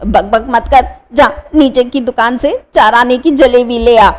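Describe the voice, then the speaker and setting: A woman's voice: a little high, unhurried, lightly acted. A woman doing a groaning beaten landlord. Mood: flustered. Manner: moaning and wailing in pain. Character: groaning middle-aged male landlord, fussy and beaten. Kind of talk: one-reader radio play.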